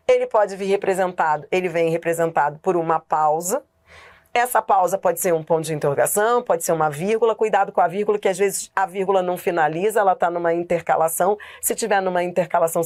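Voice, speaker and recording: A woman teaching grammar in a lively exam-prep lesson, with a Brazilian Portuguese accent, asking herself rhetorical questions and laughing often. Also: on the low side, fast.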